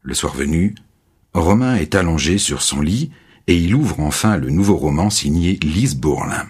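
A man narrating a graded reader story in steady, clear storytelling. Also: sits low, normal speed.

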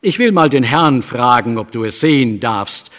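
A man reading a story aloud and voicing a young housemaid who speaks slowly and doubtfully. The recording has a long hall echo. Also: mid-range voice, expressive, a bit bright, close to an everyday voice.

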